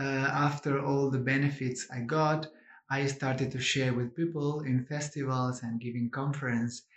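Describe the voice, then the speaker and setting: A man from Argentina with an Argentine Spanish accent, a native Spanish speaker, giving an informal personal conference talk in halting, simply phrased English. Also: medium pitch, reverberant.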